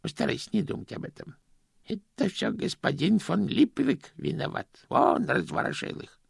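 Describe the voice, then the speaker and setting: A man's voice: fairly high pitch, very animated, normal speed, gravelly, husky, no echo, studio quality, voice pushed up, heavily acted. A man voicing a very old junior postman who speaks hesitantly and patiently, with fussy evasions. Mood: soothing.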